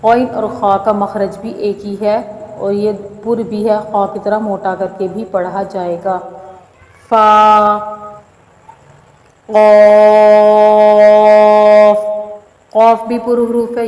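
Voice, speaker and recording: A woman gives a patient pronunciation lesson. She voices each letter clearly and then explains it in an even, flat tone. Her voice rings with a long, roomy reverb. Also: medium pitch. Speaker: Quran recitation teacher. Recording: echoey room with long reverb.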